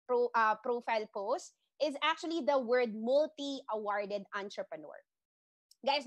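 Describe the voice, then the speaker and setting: A Filipino-accented woman with a high, bright voice leads an energetic sales training session. She talks to her trainees directly and keeps asking whether they follow. The sound is dry and close. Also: dry recording. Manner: animated, mixing English and Tagalog, frequent rhetorical check-ins. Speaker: network marketing trainer. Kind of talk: online sales training talk.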